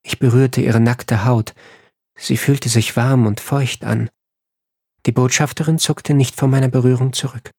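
A male narrator reads a first-person story in a measured, even manner. His voice is husky, with middling pitch. The sound is dry and close, with no room around it. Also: no echo. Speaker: audiobook narrator.

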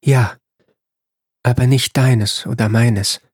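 A composed female ambassador, put on by a male reader, stays level and matter-of-fact whatever happens. The voice is husky and a little lifted in pitch. It sounds close and dry in an audiobook reading. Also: fairly even intonation, slow pace, a little mellow, no echo. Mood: calm.

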